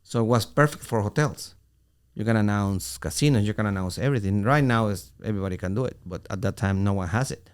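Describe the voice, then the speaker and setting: A middle-aged man co-hosting a podcast, telling an animated story in casual talk with halting restarts. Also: fairly low pitch, clear, resonant tone. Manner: animated, acts out quoted voices, halting restarts. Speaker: podcast co-host.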